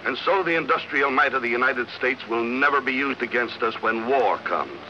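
Cold, commanding villain chief, formal speech-making, mid pitch, vintage serial, noisy dull track. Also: male voice, normal speed, pushed and bright. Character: cold, commanding Nazi spy chief plotting conquest. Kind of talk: 1940s movie serial acting. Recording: noisy, muffled old film soundtrack.

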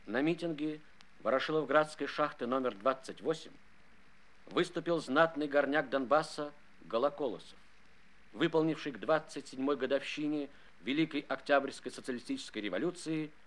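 A man's voice: medium pitch, moderate pace. A man reading a wartime state bulletin as an announcer, in a solemn, declamatory manner.

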